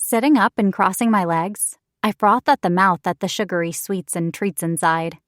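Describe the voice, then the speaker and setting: Female audiobook narrator, slightly low voice, expressive and wry first-person romance reading, close and dry studio sound. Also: moderate pace, no room sound.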